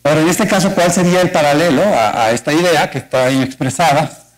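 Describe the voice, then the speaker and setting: Captured on a low-quality recording, a man's slightly high voice moves at a fast clip. He's a mathematics lecturer with a Mexican Spanish accent giving a university colloquium talk in an auditorium, building his explanation step by step and asking the audience rhetorical questions.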